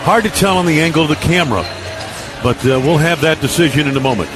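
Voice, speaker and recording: A man with a fairly high voice calls live football play-by-play for radio, talking fast in punchy, clipped phrases that build excitement on plays. Music plays in the background of the noisy stadium broadcast feed.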